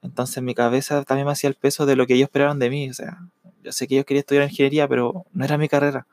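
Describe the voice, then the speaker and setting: A young man with a Chilean accent, a student telling his own story in a reflective, halting way with many fillers. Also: medium pitch, flat delivery, a little mellow, no room sound, clean studio sound. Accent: Chilean Spanish. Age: young adult. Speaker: university student. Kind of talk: personal testimony.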